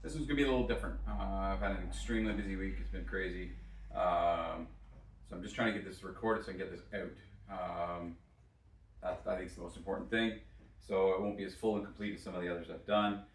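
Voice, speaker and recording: A hungover man hosting a casual sports podcast solo, talking in a halting, hesitant way. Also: low voice, fairly even intonation, a little hiss or hum. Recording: roomy echo, distant from mic.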